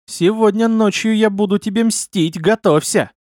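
A fiery young woman scout, quick to jealousy, rises in a raised, swooping voice as a man puts her on for an audiobook. She scolds with indignant bite, recorded dry and close. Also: sits high, wildly swooping pitch, a little mellow, breathy edge, no echo, voice pushed up, full character voice. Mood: menacing. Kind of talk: audiobook character voice.

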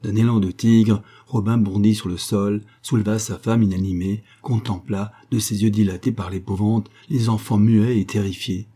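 A man narrating an adventure audiobook with a steady, dramatic reading. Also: lowish voice, normal speed, few pauses, breathy edge.

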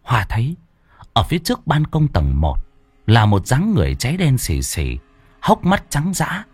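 A man telling a ghost story in dramatic, drawn-out scripted narration. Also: medium pitch, wildly swooping pitch, a little mellow, slightly rough, dry recording.

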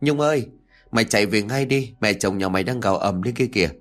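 A man's voice: fairly low pitch, quick pace, fairly bright tone, soft background music, lightly acted. A man voicing a blunt, bossy older village woman. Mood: urgent.

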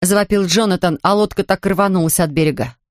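A woman reading a children's story aloud in a lively way, voicing the characters in turn. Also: on the low side, quick pace, dry recording, clean studio sound.

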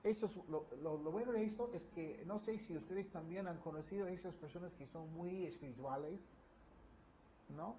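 A man's voice: a little high, moderate pace, dark tone. A middle-aged man, preaching a conversational sermon in church and acting out little quoted scenes with humor. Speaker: pastor. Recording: slightly dull recording with faint background noise.

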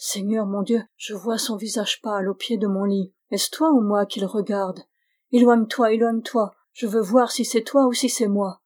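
A woman's voice: mid-range voice, steady tone, moderate pace, a little mellow, close to an everyday voice. A woman reading the part of a feverish, frightened young noblewoman who talks in an anxious, pleading way.

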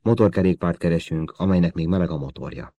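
A man's voice: sits low, dark tone, no room sound, lo-fi sound. A man reading the part of a male intelligence officer giving terse, commanding orders in an audiobook. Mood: urgent.

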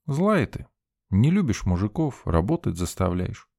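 A man's voice: lowish voice, very animated, measured pace, creaky, a little mellow, no echo, heavily acted. A male reader voicing a young male student who teases in a mock-serious way, close to his own voice. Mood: teasing. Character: joking young male student, teasing and sly.

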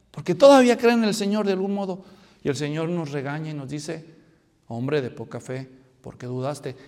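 Man preaching, highish voice, acts out the bible bits, loud then soft, long echo in a church hall. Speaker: pastor. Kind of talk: sermon.

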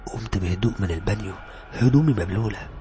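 Fast, low-voiced Egyptian man telling horror. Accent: Egyptian Arabic. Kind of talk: horror story narration. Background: music.

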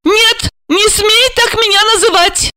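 A woman's voice: very high voice, steady tone, unhurried, bright, forceful tone, dry recording, studio quality, voice pushed up, full character voice. A woman voicing a hysterical young wife who screams accusations at her husband in an audiobook. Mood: hysterical fury.

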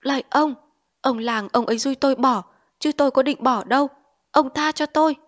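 A woman's voice: a little high, fairly quick, lightly acted. A woman reading an audiobook, voicing a desperate male opium addict in withdrawal who whines and begs. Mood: frantic pleading. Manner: whining, pleading, frantic.

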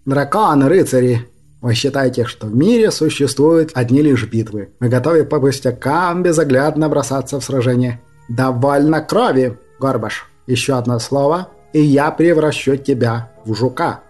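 A man's voice: mid-range voice, normal speed, a little mellow, faint music behind, natural voice. Stern commanding storybook wizard, older man, as the narrator voices him.

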